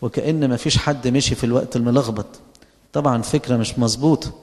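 A man with an Egyptian accent preaching a sermon. He speaks at a middle pitch in a conversational style and poses many rhetorical questions. His voice carries a long reverb, as in a large hall. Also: steady tone, fast, a little mellow. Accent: Egyptian Arabic. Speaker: priest.

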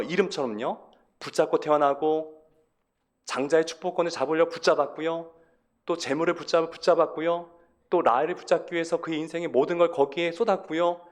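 A male pastor preaching a sermon, stressing words emphatically and asking the congregation rhetorical questions. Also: fairly high pitch.

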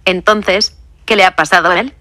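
Woman playing furious teen brother, bright edge in the tone, close and dry. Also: lowish voice, fairly even intonation, moderate pace, no echo. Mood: angry. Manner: accusing, snapping questions. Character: angry teenage boy, protective brother.

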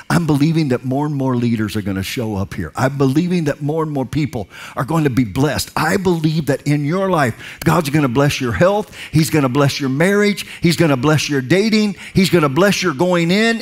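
A pastor in his forties delivers a sermon from a large indoor stage, speaking into a headset mic. His delivery swings between quiet, hushed lines and loud, emphatic calls to the congregation. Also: on the high side.

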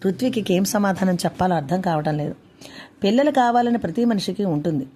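A woman author narrating her own short story, reading in a plain, steady way. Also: medium pitch, fast, a little hiss or hum.

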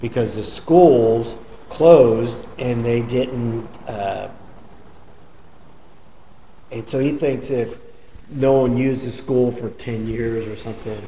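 A man's voice: mid-range voice, takes it slowly, pauses often, mellow. A man showing visitors around an old school, explaining plainly and matter-of-factly. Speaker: building owner giving a tour. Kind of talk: casual guided tour. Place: inside an abandoned school building. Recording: echoey empty room with noise.

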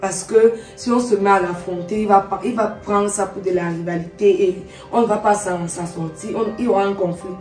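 A woman's voice: medium pitch, fairly even intonation, darkish tone, recorded from a distance, faint music behind. Scolding woman in an echoey room. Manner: scolding, formal and measured. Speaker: stepmother. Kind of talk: comedy web series acting.

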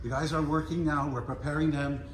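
Middle-aged man, auctioneer's walking tour, somewhat high voice, roomy warehouse echo, faint background hum. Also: steady tone. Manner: chatty and playful, lists items in quick repeats. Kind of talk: casual walking tour, talking to camera. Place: large warehouse indoors.

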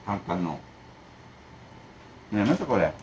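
A man's voice: fairly low pitch, sing-song, measured pace, darkish tone, a little hiss or hum, rough recording. A man who runs a bento shop, talking casually and rambling to camera, jumping between complaints and advice. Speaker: bento shop owner and channel host.

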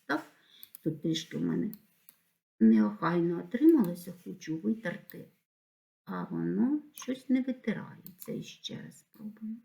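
A female teacher explaining a school lesson, slowly spelling words out syllable by syllable. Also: on the low side, creaky, mellow. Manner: slow, deliberate syllable-by-syllable dictation.

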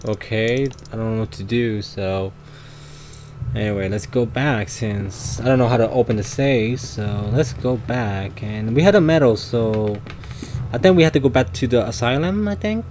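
A man's voice: mid-range voice, moderate pace, a little mellow, a little hiss or hum. A man commenting on his gameplay, thinking aloud in a hesitant way with frequent fillers and restarts. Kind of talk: thinking aloud while playing.

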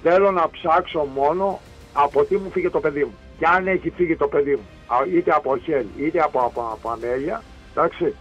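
A man, a bereaved father giving a TV news interview, retelling events haltingly and repetitively and insisting hard on his point. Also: a little high, faint music behind. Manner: insistent, emphatic denials. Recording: dull lo-fi TV audio.

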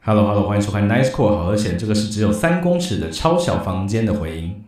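A man's voice: on the low side, animated, darkish tone. A man, hosting and speaking demo lines through a heavy artificial reverb, so his words trail off in echo. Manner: rapid, matter-of-fact demo lines. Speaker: host demonstrating reverb effects. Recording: cavernous artificial reverb with a long, distant tail.

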